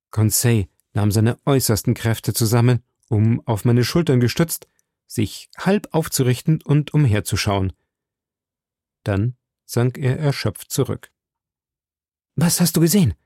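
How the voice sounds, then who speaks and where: A man giving scripted audiobook narration in a measured, dramatic first-person manner. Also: mid-range voice, dark tone, dry recording, studio quality.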